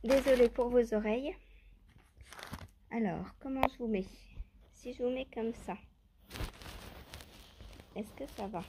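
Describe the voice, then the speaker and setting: Her voice sits on the high side and comes a little slowly, with frequent pauses, over some background noise. This knitting vlogger is at home with her yarn stash, selecting yarns and chatting casually to viewers on a handheld phone, musing hesitantly with many fillers and questions to herself.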